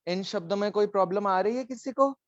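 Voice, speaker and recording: A man's voice: high voice, a little fast, dry recording, muffled recording. A man teaching a live online class, explaining letters patiently and coaxing students, dropping in English phrases.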